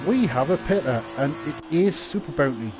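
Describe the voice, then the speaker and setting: A man commentating live on a motor race, calling the action in drawn-out phrases. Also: on the high side, expressive, over music. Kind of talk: live online sim racing commentary.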